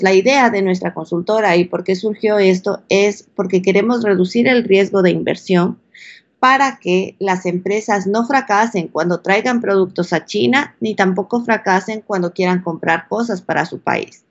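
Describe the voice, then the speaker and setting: A woman's voice: mid-range voice, normal speed, lo-fi sound. A woman from Ecuador, a lawyer and consultant, explaining steadily in an interview. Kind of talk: interview answers.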